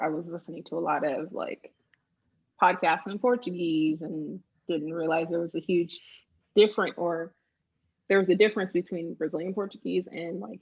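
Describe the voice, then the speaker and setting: Woman host, husky, gravelly, low pitch, dull lo-fi sound, laughs a lot. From Boston, US. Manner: laughs often, chatty. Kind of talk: casual chat. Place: lives in Portugal.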